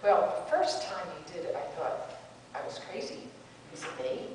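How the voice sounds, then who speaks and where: Playing a wife of sixty years in old age, this actress delivers a stage monologue with fondness and a wry edge. She speaks at normal speed in a lowish, slightly mellow voice that swings widely in pitch. Recorded from a distance in an echoey hall, the audio carries faint noise.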